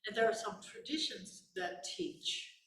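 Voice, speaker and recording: A woman's voice: on the high side, sing-song, unhurried, vocal fry, a bit bright. An older woman speaking as a guest in a casual question-and-answer talk, rambling and often restarting her sentences. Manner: rambling, with many restarts and self-corrections. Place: big empty live room. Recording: echoey room, voice far from the mic.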